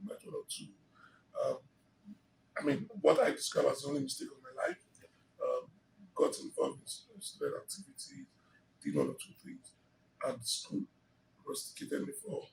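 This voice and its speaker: This interview guest, a middle-aged Nigerian English speaker, recounts his life emphatically and expansively, full of fillers, from a sofa indoors. His voice sits on the high side with vocal fry, and the interviewer's handheld mic picks up a roomy, slightly distant sound with a little hiss or hum.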